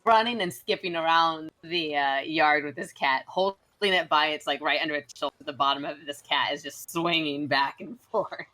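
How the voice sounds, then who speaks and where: A woman's voice: low voice, normal speed, hardly any pauses, pushed and bright, soft background music. A woman narrating as game master, chatty and giggly with lots of filler words.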